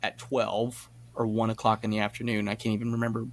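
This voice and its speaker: A young man from Florida, a guest telling a story casually, animated and acting out the people in it. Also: fairly low pitch, fast talker. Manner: animated, acts out voices in his stories. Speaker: guest, concert promoter.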